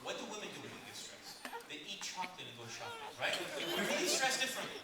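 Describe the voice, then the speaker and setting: A man in his thirties doing stand-up comedy, telling stories and acting out husband and wife in an animated way. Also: sits high, fast talker, a loud crowd. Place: large hall with live audience. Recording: echoey hall, distant mic, loud noise.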